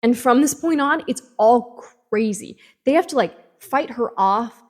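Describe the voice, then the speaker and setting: A woman giving a casual book review, retelling the plot in an animated way with swings in tempo and lots of fillers. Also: a little high, a little slow.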